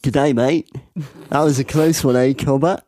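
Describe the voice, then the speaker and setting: A man's voice: medium pitch, fairly even intonation, drawn-out words. A man voicing a tall, gaunt, grim Australian ship passenger in a hammy accent that slides toward Scottish. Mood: chummy.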